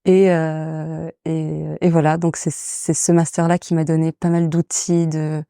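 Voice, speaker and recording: A young woman from England who grew up in France, speaking in a low, dark, rather flat voice. She talks hesitantly, with many fillers and pauses, as a guest in a casual interview. The sound is dry and close. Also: smooth, dry recording. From England, raised in France. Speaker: guest, association director.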